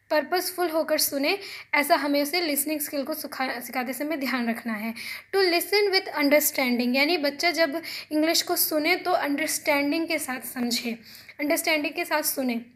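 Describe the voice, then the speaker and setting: A young woman, teaching a recorded exam prep lesson. She reads each point slowly and carefully, then explains it at length in a plain, patient teaching voice. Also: high voice, a bit bright.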